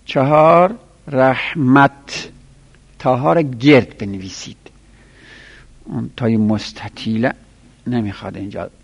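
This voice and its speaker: A man teaching a class, counting out items one by one and spelling their letters slowly for students to write down. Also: medium pitch, fairly even intonation, gravelly, breathy edge. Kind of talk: classroom lesson dictating Arabic verbal nouns. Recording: lo-fi recording in a reverberant room.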